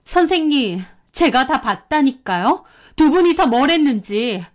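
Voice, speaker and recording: A woman's voice: sits high, animated, measured pace, voice pushed up. A woman voicing a teenage schoolgirl who accuses her teacher in an agitated way.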